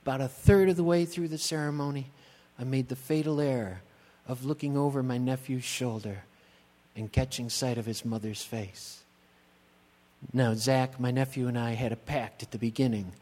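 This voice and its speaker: A middle-aged man, a pastor, preaching a sermon in a church, slow and emphatic, building on repeated rhetorical questions. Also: mid-range voice, fairly even intonation, darkish tone. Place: church sanctuary. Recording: long church-hall reverb.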